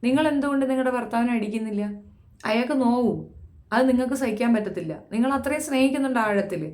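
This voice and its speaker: A woman's voice: on the high side, fast, a little mellow, reverberant. A woman giving a blunt, impassioned commentary, scolding and firing rhetorical questions at young women. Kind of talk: impassioned social commentary monologue.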